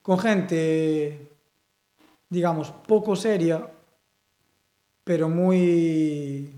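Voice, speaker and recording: A man's voice: a little high, extremely slow, echoey room. A young Galician man with a Galician Spanish accent, giving a casual interview and rambling with lots of fillers. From Galicia, Spain. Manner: relaxed, rambling, many fillers. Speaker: interviewee, sculptor.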